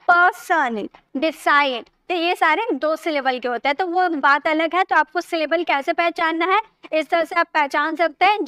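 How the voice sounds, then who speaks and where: A woman teaching an English grammar lesson, patiently repeating words slowly and breaking them into syllables. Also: extremely high pitch, a bit bright, no echo, studio quality.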